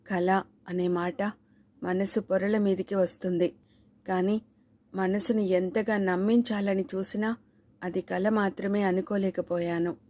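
A woman narrating a suspense novel in a steady, measured reading voice. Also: medium pitch. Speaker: audiobook narrator.

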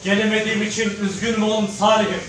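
A man's voice: sits high, level tone, quick pace, lightly acted. Man playing a proud old veteran, heavily echoing hall. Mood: solemn resolve. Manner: declamatory, solemn, emphatic phrases. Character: proud ageing one-armed war veteran father. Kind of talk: patriotic stage drama. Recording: very echoey noisy hall from far off.

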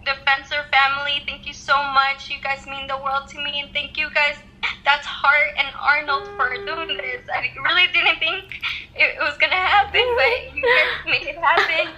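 A woman's voice: high-pitched, fairly even intonation, normal speed, sharp tone, a little hiss or hum, low-quality recording. A woman giving emotional, tearful thanks, speaking over a video call on a phone's speaker.

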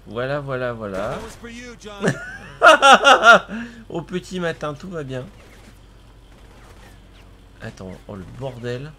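A man's voice: mid-range voice, expressive, unhurried, pauses often. A man streaming a video game with his cousin, chatting casually, exclaiming at the action and laughing often. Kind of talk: casual gaming commentary.

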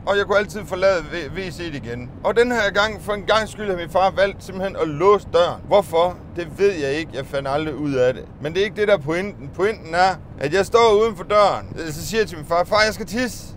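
This man's voice sits high, and a little hiss or hum is audible. He vlogs casual childhood memories, rambling with restarts and laughing and swearing a lot.

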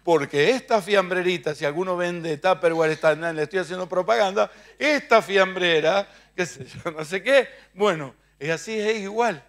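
High-voiced Argentine preacher. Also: male voice, normal speed, hardly any pauses. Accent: Argentine Spanish. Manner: swings from loud preaching to quiet asides, uses call-and-response. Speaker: pastor. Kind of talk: sermon. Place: church.

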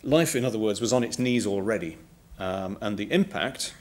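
Middle-aged male lecturer, low register, measured public talk full of ums. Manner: measured, with frequent ums and uhs.

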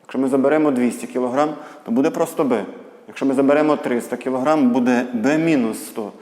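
A man's voice: medium pitch, warm tone. Man tutoring math in an echoey room. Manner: thinks aloud, slow and step by step, with fillers. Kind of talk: homework explanation while writing. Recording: echoey room with long reverb.

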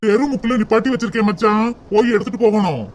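Man doing a polite hurried cartoon son-in-law. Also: sits high, slight background noise, lightly acted.

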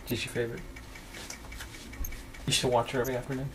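A man's voice: medium pitch, little pitch movement, quick pace, a little hiss or hum, poor audio. A middle-aged man, a father, chatting casually. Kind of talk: casual chat. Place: small treatment room in a dental office.

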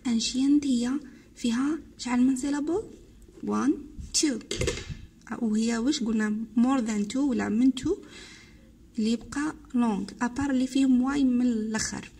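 A woman with an Algerian Arabic accent, an English teacher explaining a grammar lesson. She switches between dialect Arabic and slow, drawn-out English example words. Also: a little high, mellow, a little hiss or hum.

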